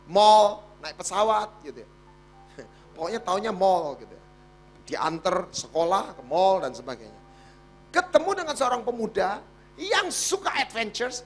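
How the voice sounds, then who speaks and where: A man's voice: sits high, fairly bright tone. A man preaching with an East Javanese accent, telling a jokey story and asking the congregation questions. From Madiun, East Java, Indonesia. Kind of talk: storytelling sermon.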